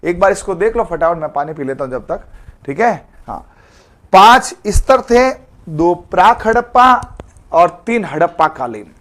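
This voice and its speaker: A man's voice: sits high, animated, measured pace, fairly bright tone. A man teaching a live online exam-prep class in a chatty way. He calls his students "beta" and uses jokey memory tricks.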